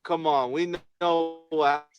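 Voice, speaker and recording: A man's voice: fairly high pitch, fairly even intonation, takes it slowly, slight background noise. Man on a phone call breaking up. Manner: hedging, with many fillers and restarts. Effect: phone call breaking up, cutting in and out. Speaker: call-in panelist. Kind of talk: casual sports chat.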